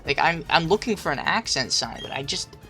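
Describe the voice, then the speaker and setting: A man's voice: a little high, a little fast, soft background music. Foul-mouthed male streamer thinking aloud. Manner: swears constantly, thinks aloud, second-guesses himself; bursts into loud excited shouts. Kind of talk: casual gameplay commentary.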